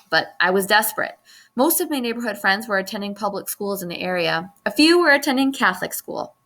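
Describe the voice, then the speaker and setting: A woman narrating a memoir audiobook in a measured, expressive reading. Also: medium pitch.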